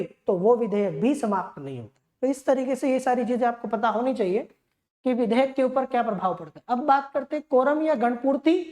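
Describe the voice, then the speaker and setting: Chatty woman teacher, slightly high voice. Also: darkish tone. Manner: explains step by step, checks understanding with rhetorical questions; chatty asides with personal anecdotes. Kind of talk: exam-prep lecture.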